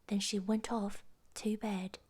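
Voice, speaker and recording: A woman reading a bedtime fairytale aloud in a hushed, half-whispered storytelling voice. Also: mid-range voice, little pitch movement, slow, breathy edge.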